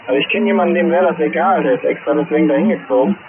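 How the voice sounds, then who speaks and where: A man chatting over CB radio, firing off quick, teasing questions. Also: on the high side. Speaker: CB radio operator. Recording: tinny CB radio, static noise.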